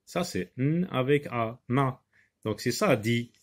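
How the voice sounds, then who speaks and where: A male classroom teacher, animated and speaking in a mid-range voice, works through a reading lesson by slowly sounding out syllables and emphatically repeating words.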